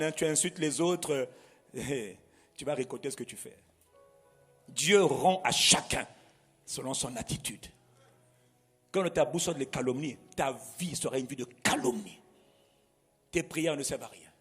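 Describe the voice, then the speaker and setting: A husky, high-voiced male pastor preaches with emphasis and leads call-and-response. His pitch swings widely. The sound rings with long hall reverb over faint music. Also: a bit bright. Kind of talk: sermon.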